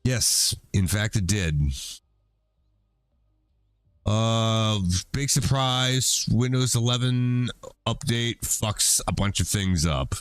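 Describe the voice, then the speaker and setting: A man's voice: lowish voice, slow, long pauses, smooth, dry recording, studio quality, faint music behind. A middle-aged man chatting casually while streaming a game, rambling and swearing offhand. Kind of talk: casual chat while gaming.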